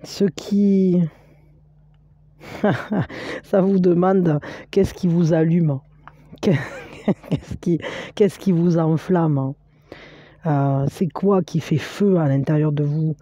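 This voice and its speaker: A woman giving a spiritual tarot card reading, speaking straight to the viewer in an encouraging, halting way full of fillers and restarts. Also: on the low side, mellow, dry recording, muffled recording.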